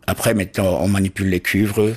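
A man from Cameroon, interviewed about his situation, speaking earnestly and haltingly, often repeating words as he searches for them. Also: low-pitched, flat delivery, slightly rough. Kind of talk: interview testimony.

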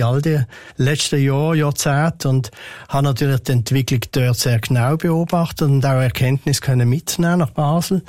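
In a radio interview, an older man who heads a city's tree and green space department answers calmly and thoughtfully, hesitating often as he thinks aloud. His voice sits at an ordinary male pitch, and the sound is close and dry with no room echo.

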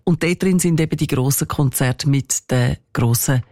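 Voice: mid-range voice, normal speed, warm tone, no echo, clean studio sound. A radio host with a Swiss German accent, presenting a magazine programme in a conversational way and addressing listeners directly. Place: radio studio.

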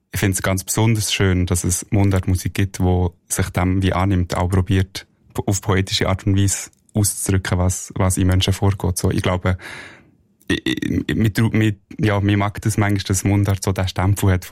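A Swiss German man talks about his music on the radio in a reflective, halting way. His voice is very deep and quite flat in its melody, and the studio sound is close and dry. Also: dry recording. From Switzerland. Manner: reflective, hesitant, laughs softly. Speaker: musician guest. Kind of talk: radio interview.

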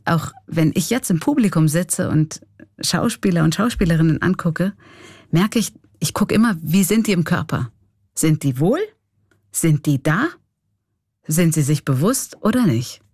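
A woman's voice: on the low side, expressive, unhurried, a little mellow, no echo, clean studio sound. A middle-aged woman with a Swiss German accent, a clown and comedian, talking candidly and reflectively in an interview. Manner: reflective, candid, laughs often.

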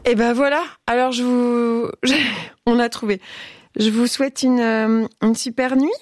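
Chatting casually with a caller on her late-night phone-in show, a woman laughs frequently and trips hesitantly over song titles in a playful mood. Her voice sits on the high side, steady and a little slow, in a dry, clean studio recording.

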